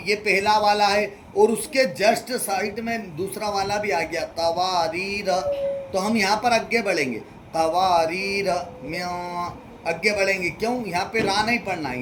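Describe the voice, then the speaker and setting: High-pitched man teaching slow recitation. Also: fairly bright tone, a little hiss or hum. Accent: Hindi-Urdu speaker from central India. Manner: slow, repeats phrases for students to echo back. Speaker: religious teacher. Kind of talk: call-and-response recitation lesson.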